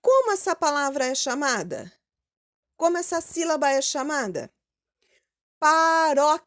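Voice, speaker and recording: A Brazilian woman teacher giving a recorded lesson to children, speaking slowly and clearly and checking in with questions. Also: high-pitched, very animated. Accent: Brazilian Portuguese. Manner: slow, clear, prompting with questions and "ok?".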